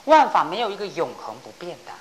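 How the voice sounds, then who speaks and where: Brief: old male master, patient and teaching, lively pitch as a woman plays him. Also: fast talker, slight background noise, low-quality recording. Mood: instructive. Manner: questioning, instructive.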